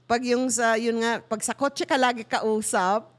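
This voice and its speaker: A middle-aged woman with a Filipino accent hosting a talk show, chatting casually in Tagalog and English. She tells stories with lots of laughter and often jumps up into high voices when she quotes people. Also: fairly even intonation, measured pace.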